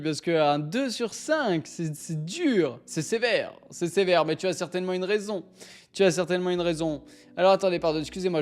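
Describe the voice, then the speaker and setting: Excitable, rambling young male host. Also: sits high. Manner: excitable, rambling, self-interrupting. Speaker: livestream host. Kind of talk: casual live chat reacting to viewers.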